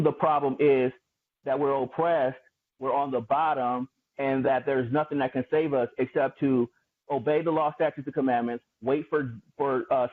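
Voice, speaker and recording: A man arguing in an online debate, argumentative and sarcastic. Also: mid-range voice. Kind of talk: heated debate. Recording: tinny phone-like call audio.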